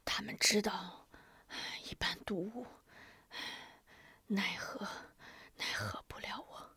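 A woman's voice: medium pitch, takes it slowly, sharp tone, breathy edge, no room sound, exaggerated voice. A woman voicing a poisoned, dying martial hero who speaks in a faint, broken whisper between coughs. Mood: feeble, pained.

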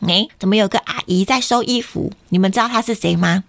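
A woman reading a picture book aloud to children, lively and playful, asking them questions. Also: medium pitch, fairly quick, creaky, no echo, studio quality. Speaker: storyteller for children.

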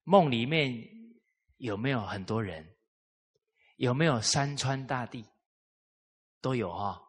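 A man giving a live lecture on traditional culture, telling lively stories and putting rhetorical questions to the audience. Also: medium pitch, takes it slowly, slightly rough.

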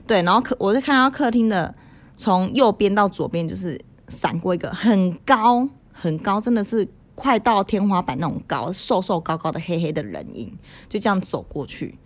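In a casual podcast, the co-host, a Taiwanese woman in her thirties, shares childhood ghost tales at a normal speed and medium pitch. She laughs often and brings the story to life by acting out quoted voices.

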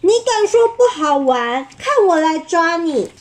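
A woman reading a storybook aloud, voicing a boastful little boy who acts fearless and shouts his boasts. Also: sits high, big pitch swings, takes it slowly, exaggerated voice. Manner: loud, swaggering boasts.

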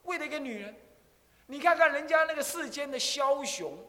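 An older man, a Buddhist abbot, giving an animated dharma lecture full of rhetorical questions. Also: extremely high pitch, fairly quick. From Taiwan. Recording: long hall reverb.

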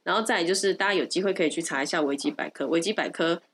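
Stuffy-nosed, low-voiced Taiwanese woman. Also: very fast, slight background noise. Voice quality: nasal, stuffy nose. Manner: opinionated, explains at length, repeats for emphasis. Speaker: podcast co-host explaining dog topics. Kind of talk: casual explanatory chat.

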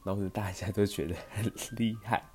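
A man's voice: on the low side, steady tone, a little fast, dark tone, faint music behind. A young man with a Taiwanese Mandarin accent, telling a personal story in a chatty, meandering podcast style full of fillers. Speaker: podcast host.

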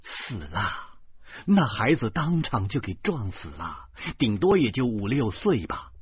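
A man's voice: fairly low pitch, sing-song, a little slow, breathy edge, no echo, lo-fi sound, exaggerated voice. A man voicing an indignant bookish male associate professor who sighs over an accident and then pounds the table in outrage. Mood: sorrowful.

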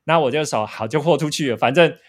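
A man's voice: a little high, fast. A man, a podcast guest reflecting in casual chat, often restarting his phrases.

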